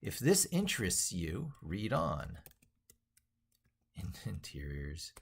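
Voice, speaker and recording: A tech educator hosts a casual livestream, rambling and thinking aloud as he works at his computer and reads text from the screen. He speaks slowly in a low-pitched voice with vocal fry and huge pitch swings, over slight background noise.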